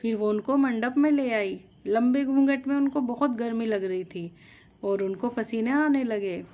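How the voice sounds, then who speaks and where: A woman narrating a moral family story in a plain, steady manner. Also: fairly high pitch, unhurried.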